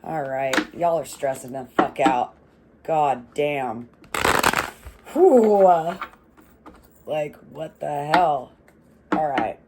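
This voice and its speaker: A young adult woman giving a casual tarot reading, swearing freely, laughing often and rambling in an animated way. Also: deep voice, extremely slow, long pauses, very noisy. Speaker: tarot reader.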